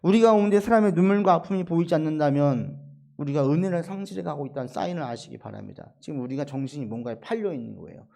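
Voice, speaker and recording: A middle-aged male pastor preaching a sermon, dropping to soft low asides and then rising into emphatic, acted-out quotations. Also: quick pace, vocal fry.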